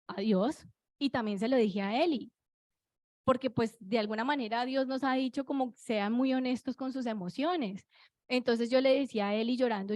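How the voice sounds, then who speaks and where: A woman's voice: a little high, darkish tone, no echo. A woman preaching a sermon in a church, in a conversational, confiding way, often checking in with the congregation.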